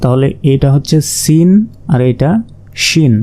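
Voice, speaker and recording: A man teaching Quran reading, slowly naming and repeating each Arabic letter and explaining how to pronounce it. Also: medium pitch, fairly even intonation, dark tone. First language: Bengali. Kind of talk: slow letter-by-letter pronunciation lesson.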